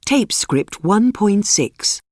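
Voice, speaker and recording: Brief: low, husky woman teacher, very slow and lively-pitched, dry close sound. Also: no room sound. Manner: very slow, deliberate reading of letters and numbers. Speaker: English teacher. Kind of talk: reading textbook audio scripts.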